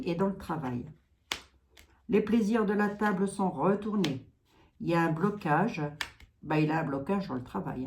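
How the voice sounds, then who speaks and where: A woman's voice: on the low side, darkish tone. A woman with a Lorraine accent giving a tarot card reading, musing aloud with trailing asides and frequent tags. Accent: Lorraine French.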